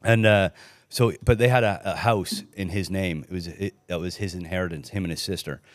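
A man's voice: deep voice, a little fast, no echo. A middle-aged man telling rambling, profane stories on a casual podcast, laughing often. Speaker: podcast host. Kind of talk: casual storytelling chat.

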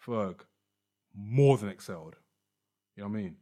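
A man's voice: on the low side, lively intonation, normal speed, warm tone. A man giving opinions on music in casual, slangy podcast chat.

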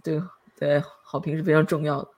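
Husky-voiced woman podcast host. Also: deep voice, flat delivery, fairly quick, a little mellow. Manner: chatty, laughs a lot. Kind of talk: casual chat.

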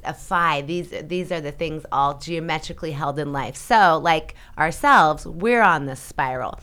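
Woman, low-pitched, smooth voice, animated, laughs easily, casual spiritual chat. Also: a little slow.

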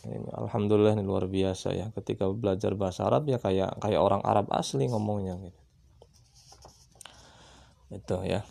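A man teaching Quran recitation rules in a relaxed, chatty way, often adding "ya" and chanting verses slowly as examples. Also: fairly low pitch, creaky. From Indonesia. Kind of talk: casual Islamic lesson.

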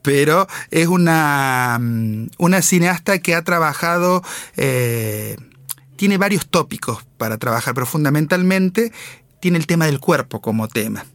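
Male radio host, fairly high voice, dry close sound, explains cinema with fillers. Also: lively intonation, measured pace, a bit bright, no echo. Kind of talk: cultural radio commentary.

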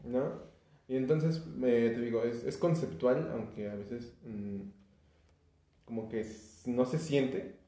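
A man's voice: medium pitch, takes it slowly, warm tone. A young Mexican man chatting casually about an album, hesitant and full of fillers and restarts. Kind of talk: casual podcast chat about music. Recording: echoey room.

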